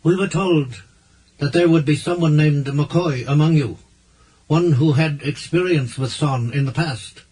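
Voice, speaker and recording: A man voicing an insistent, suspicious male alien official in an audiobook, with a husky voice and a pointed, demanding tone. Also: a little high, unhurried, a little mellow, voice pushed up, low-quality recording.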